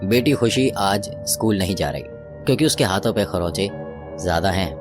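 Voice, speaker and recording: A man's voice: sits low, lively intonation, normal speed, music in the background. A man narrating a horror story in a conversational, dramatic storytelling manner.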